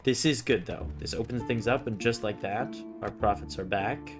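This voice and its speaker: A man with a slightly deep voice talks casually through his gameplay. He comments as a player would, with music clearly audible behind him. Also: moderate pace. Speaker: video game player and commentator.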